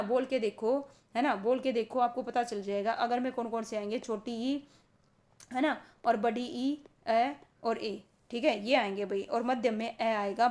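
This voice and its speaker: A woman teaching a grammar lesson for exam students, who keeps asking the class questions and answering them herself and slows down to stress key terms. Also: on the high side.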